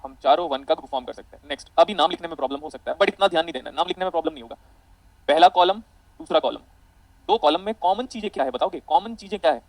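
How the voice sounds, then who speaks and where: A man teaching an online physics lecture, rapid and animated, calling his students beta. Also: a little high, no echo, low-quality recording.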